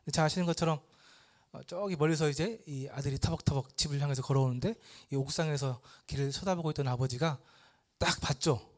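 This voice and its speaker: A man lecturing at church, retelling a parable with lively storytelling and rhetorical questions. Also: on the high side, fast.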